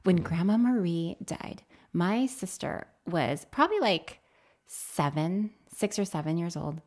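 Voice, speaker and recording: A young woman co-hosting a podcast, telling stories in casual chat and acting out quoted lines with lively voices. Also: fairly low pitch, measured pace. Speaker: podcast co-host.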